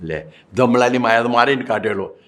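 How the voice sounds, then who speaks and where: A man's voice: medium pitch, normal speed, fairly bright tone. A man with a Gujarati accent, a monk preaching a religious discourse, telling folksy stories with acted quotes and chanted Sanskrit verses.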